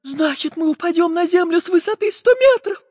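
A man's voice: fairly even intonation, brisk. A man voicing a worried little girl who frets. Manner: fretting, high-strung. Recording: dull lo-fi with long reverb.

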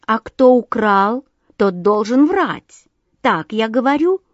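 A woman's voice: fairly high pitch, expressive, takes it slowly, dry recording, lo-fi sound. A woman voicing a good-natured young male chimney sweep in a storybook reading, with a musing, fatherly manner.

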